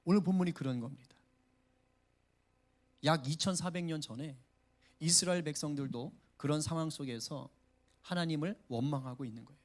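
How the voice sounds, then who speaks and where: Male pastor, middle-aged, high voice, conversational sermon, hushed asides to emphatic exhortation. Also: moderate pace, long pauses. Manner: acts out quoted voices in a conversational preaching tone.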